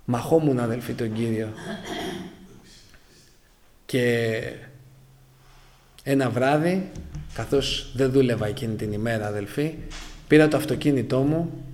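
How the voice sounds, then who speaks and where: A Greek man with a mid-range, slightly mellow voice shares his conversion story with a congregation, over a faint hiss or hum. He keeps calling the listeners brothers, telling it in emotional fragments as his voice sinks at the end of each phrase, a church member giving personal testimony.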